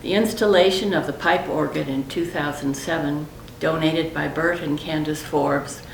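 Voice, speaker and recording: Woman floor captain, low and gravelly, far from the mic in a roomy space. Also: steady tone, moderate pace. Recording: distant echoey recording with hum.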